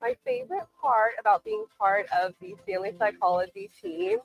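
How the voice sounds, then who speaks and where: A woman speaks with gushing enthusiasm about her workplace. Her voice swings widely in pitch and has a gravelly edge, with soft music faintly behind. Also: wildly swooping pitch, moderate pace, poor audio. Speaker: psychological associate. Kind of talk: staff testimonial.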